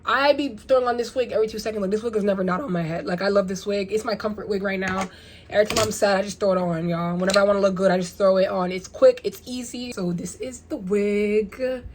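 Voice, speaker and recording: A young woman talking casually to her viewers in a rambling, animated vlog, firing off rhetorical questions. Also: mid-range voice. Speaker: vlogger. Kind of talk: casual get-ready-with-me vlog.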